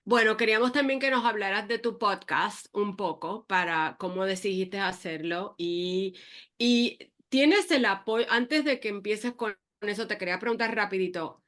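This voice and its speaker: A woman's voice: mid-range voice, moderate pace. A woman hosting a podcast, asking her guest questions in a conversational way. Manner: conversational, asks questions in a friendly, relaxed way. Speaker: podcast host. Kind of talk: casual interview.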